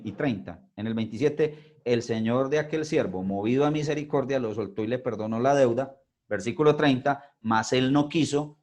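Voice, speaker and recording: A man's voice: mid-range voice, darkish tone. A man teaching an online Bible class from home in a conversational way, often checking in with his listeners. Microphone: video call.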